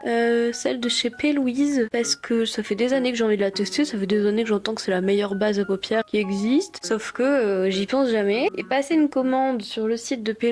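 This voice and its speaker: A woman from France chatting casually through a makeup tutorial, with self-mocking asides. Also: on the high side. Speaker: makeup vlogger. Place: home room at a desk.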